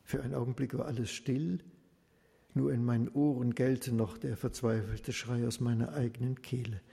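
A man telling a story in the first person as a blind beggar, with a passionate delivery that swells into desperate shouts. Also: mid-range voice, gravelly. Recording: reverberant hall.

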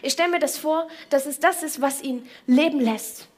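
A woman's voice: sits high, moderate pace. A woman giving a casual Bible devotional in colloquial speech, often turning to the listener with direct questions.

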